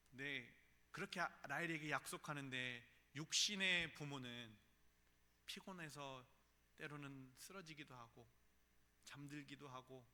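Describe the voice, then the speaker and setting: A man in his thirties preaching a sermon in a church, earnest, rising loud on key phrases and dropping soft in between. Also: medium pitch. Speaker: pastor. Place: church sanctuary. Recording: long reverb of a large hall.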